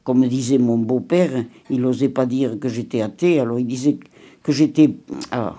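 A woman's voice: a bass voice, fairly even intonation, moderate pace, dark tone, husky. An older woman reminiscing at home in a rambling interview, often repeating words and sighing.

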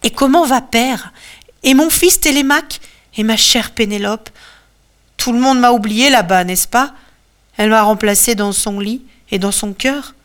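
A woman's voice: mid-range voice, expressive, measured pace, close to an everyday voice. A woman voicing a grieving male hero who pleads in a tearful, anguished voice. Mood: anxious.

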